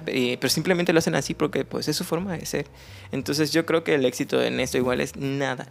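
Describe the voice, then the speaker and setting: A man's voice: mid-range voice, vocal fry. A man with a Mexican accent, chatting frankly as a podcast guest and telling stories with casual slang. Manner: storytelling, frank and conversational with slang. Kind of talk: casual chat.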